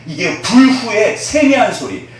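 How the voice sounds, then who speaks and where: Guy pastor preaching, super lively up and down voice, big echoey church sound, mic kinda far. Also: sits high, unhurried, slight background noise. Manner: lively, conversational preaching with call-and-response questions; acts out quoted voices, dropping to a soft hush. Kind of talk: sermon.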